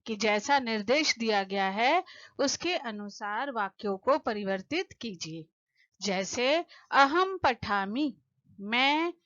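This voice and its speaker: Woman teacher going thru a lesson w kids, slow and patient, asks then answers herself, slightly muffled dry audio. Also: on the high side, a bit bright, dry recording. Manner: slows to spell out word forms. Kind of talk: explaining a textbook lesson to children.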